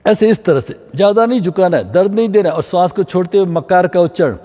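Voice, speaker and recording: A man's voice: high voice, fast talker, warm tone, big-room sound. A middle-aged man leading a yoga class, giving step-by-step instructions and often checking in with "है ना?". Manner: mixes English phrases into Hindi, frequent "है ना?" check-ins.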